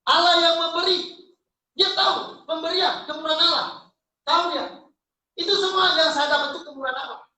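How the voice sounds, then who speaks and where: A man preaching a lively, joking sermon to his congregation, calling out to them. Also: extremely high pitch. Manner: lively, jokey preaching with congregation call-outs. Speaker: pastor. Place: church hall. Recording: echoey church hall from far off.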